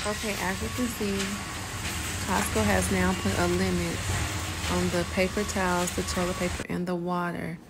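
Holding her phone camera at arm's length, a woman from California narrates a casual shopping vlog that starts in a car and moves into a big warehouse store. Her lowish voice stays fairly level in pitch at a normal speed as she chats along and repeats each item she notices. Loud store background noise fills the phone audio.

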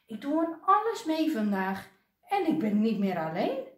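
A woman voicing a grumpy young male penguin who refuses to join in, speaking in a stubborn, drawn-out way. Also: a little high, very animated, echoey room. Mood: cheerful.

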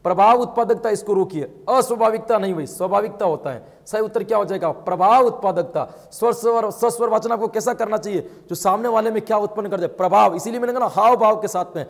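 A man teaching an exam coaching lesson, talking rapidly and emphatically, firing rhetorical questions and calling his students friends and brother. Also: high-pitched, gravelly, big-room sound. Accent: Rajasthani Hindi. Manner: addresses viewers as friends and brother.

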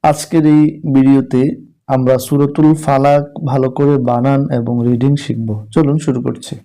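A man teaching Quran reading, spelling each letter and vowel slowly before reciting the verse. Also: medium pitch, little pitch movement, dark tone. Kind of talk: slow spelled-out Quran lesson.

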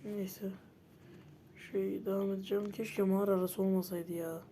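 A woman talks through her gameplay in a casual, chatty way. Her voice is soft and mellow rather than bright. She gets easily frustrated and often breaks into loud protests. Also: medium pitch, little pitch movement, normal speed, a little hiss or hum. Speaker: gamer.

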